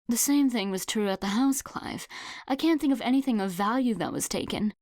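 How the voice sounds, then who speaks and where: A woman's voice: fairly high pitch, lively intonation, no room sound, studio quality. Woman reading a shaken, self-conscious young heroine. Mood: uneasy. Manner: quick, soft and a little unsteady.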